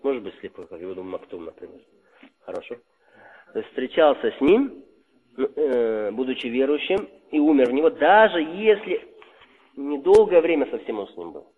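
Husky man teaching a religious lesson. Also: mid-range voice, sing-song, normal speed. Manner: asks rhetorical questions and answers them, repeats key terms. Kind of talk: religious lesson explaining a text. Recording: reverberant hall over a tinny phone-like line.

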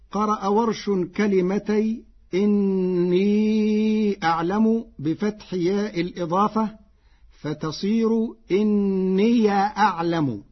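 A man teaching Quran recitation readings in a measured way, slowing down to recite each example word. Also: sits high, husky, lo-fi sound.

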